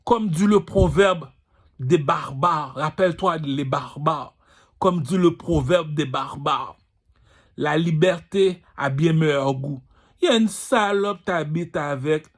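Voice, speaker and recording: A man's voice: fairly high pitch, slow pace. A man with a Quebec French accent, hosting his own channel in a boastful, crude, swaggering street-talk rant. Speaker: channel host. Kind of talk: ranting monologue.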